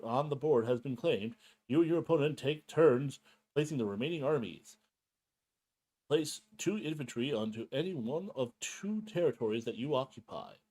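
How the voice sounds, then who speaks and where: A man's voice: mid-range voice, darkish tone, slightly rough. Rambling male podcast host. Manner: rambling storyteller with many fillers and restarts. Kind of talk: casual podcast chat, reading game rules.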